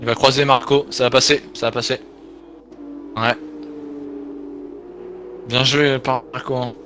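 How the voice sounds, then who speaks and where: A man works as a motorsport commentator over clear background noise and vehicle sounds. His pitch is average, and he talks through the race live, often pausing and doubling back on phrases. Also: level tone.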